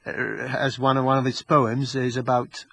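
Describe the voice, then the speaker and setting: Male academic interviewee, Maltese accent, slightly husky, mid-pitched, halting and self-rephrasing, close dry sound. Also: monotone, a bit bright, no echo. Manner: halting, repeating and rephrasing words. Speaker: interviewed researcher and author. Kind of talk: scholarly interview discussion.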